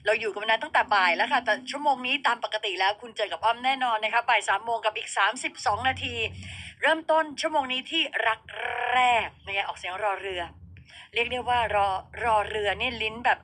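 Fast, bright-voiced chatty woman radio DJ. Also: a little high. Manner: chatty, teasing, explains with enunciation examples. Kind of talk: casual on-air radio chat.

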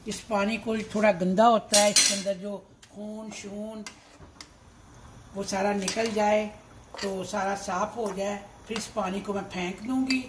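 Unhurried and fairly even in intonation, her mid-range voice guides viewers step by step as she cooks at her home stove. She's a cooking show host in her sixties with a Pakistani accent, speaking off the cuff and repeating herself, against an echoey kitchen full of sizzle, stirring, and clinking pots and dishes.

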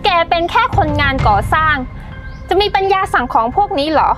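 Haughty, high-pitched young office woman. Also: animated, brisk. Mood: sneering, mocking. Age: young adult. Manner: scornful, scolding. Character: haughty, sneering young female construction-site office worker. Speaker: actor in short drama. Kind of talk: acted melodrama dialogue. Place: outdoors at a building site. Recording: music under the voice.

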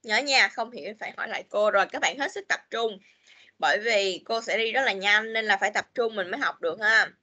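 A woman's voice: mid-range voice, brisk, sharp tone. A woman teaching an online English class to children over a video call, chatty and repeating little fillers. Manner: chatty, repeats "rồi", mixes English words into Vietnamese.

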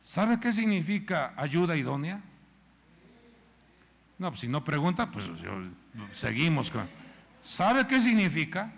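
A pastor preaches with a high, swooping voice and a gravelly edge, taking his time between phrases. He acts out characters' voices and has the congregation repeat after him. His voice rings with the long reverb of a church hall. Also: big pitch swings, takes it slowly, pauses often. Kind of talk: sermon.

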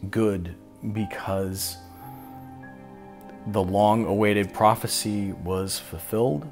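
A man preaching a solemn sermon as pastor, slow and deliberate, with long pauses between phrases. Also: fairly low pitch, faint music behind.

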